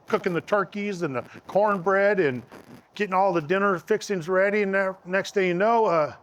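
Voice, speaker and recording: A man's voice: sits high, normal speed, fairly bright tone, a little hiss or hum. A middle-aged man casually telling his engagement story, rambling with fillers and restarts.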